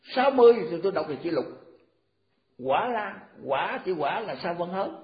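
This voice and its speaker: Elderly monk, folksy sermon. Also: male voice, sits high, very animated, moderate pace. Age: 80s. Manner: folksy, repetitive, rattles off verse formulas. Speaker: Buddhist monk. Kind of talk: informal dharma talk. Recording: echoey, muffled recording.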